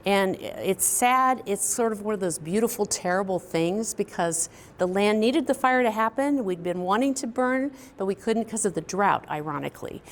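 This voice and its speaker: A woman's voice: mid-range voice, expressive. Reflective middle-aged woman artist talking. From Kansas, US Midwest. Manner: reflective, conversational, with pauses and fillers. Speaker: quilt artist. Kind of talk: recorded artist talk. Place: indoor studio, quilt hanging behind her.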